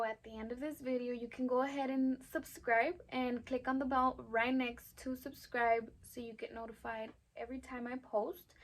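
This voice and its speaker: A woman in her twenties with an El Paso Texan accent, talking casually to camera in a Q&A, with lots of "um"s and "like"s. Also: on the high side. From Texas, USA. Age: 20s. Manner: chatty, many "um"s and "like"s. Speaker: vlogger.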